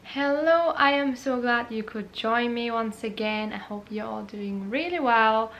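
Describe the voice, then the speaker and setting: An Austrian woman who hosts a knitting podcast chats casually to camera from a room beside a sunny window. She speaks slowly, slightly high, with plenty of ums and repeated words, her voice still not fully recovered from a cold. The audio sounds dull.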